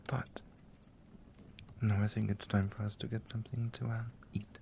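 Man as a gravelly, whispery doting dragon. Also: fairly low pitch, little pitch movement, moderate pace, slight background noise. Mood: tender. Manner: soft and whispery, tender. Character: affectionate doting male dragon lover. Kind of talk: ASMR roleplay.

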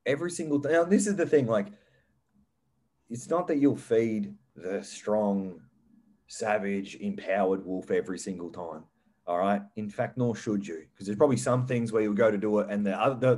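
A man's voice: on the low side, a little mellow. A young man hosting a casual motivational chat, emphatic and breaking it up with laughs and frequent "all right"s. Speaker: podcast host.

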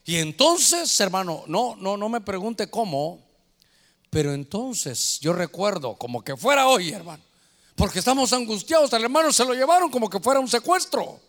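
A man, a pastor preaching a sermon, telling a story and acting out the voices and shouts of others. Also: high-pitched, very animated, moderate pace. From Guatemala. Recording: echoey hall reverb.

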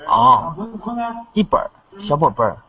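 A man's voice: a little high, very animated, measured pace. A young man chatting casually as a caller in an online voice chat. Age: young adult. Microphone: online voice chat microphone. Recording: dull, lo-fi voice-chat line.

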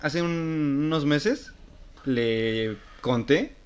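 A man's voice: medium pitch, expressive, drawn-out words, clear, resonant tone. Laid-back young Mexican man. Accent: Mexican Spanish. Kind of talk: casual storytelling.

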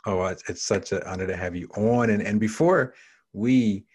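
A podcast host conducts a conversational interview, asking long, winding questions full of restarts and repeated words. His voice is on the low side, a little mellow with a breathy edge, at a moderate pace.

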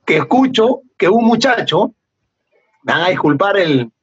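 Middle-aged Peruvian man, husky, animated storyteller with a lively, laughing delivery; dull lo-fi podcast audio. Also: sits high, a little slow. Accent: Peruvian Spanish. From Peru. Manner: animated, laughs often, acts out remembered dialogue. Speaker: guest, former footballer. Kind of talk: casual storytelling interview.

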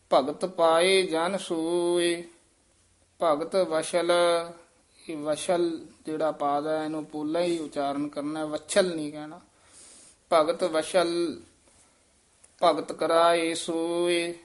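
A man teaching scripture recitation, chanting verses slowly and breaking off to correct how words are pronounced. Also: on the high side. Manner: slow, careful chanting with quick spoken corrections. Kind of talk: recitation lesson, correcting pronunciation.

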